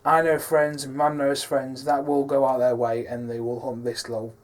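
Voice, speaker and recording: A man's voice: medium pitch, little pitch movement, moderate pace. Hesitant man rambling about his films. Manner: rambling, hesitant with many fillers. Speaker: filmmaker. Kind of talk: casual behind-the-scenes talk.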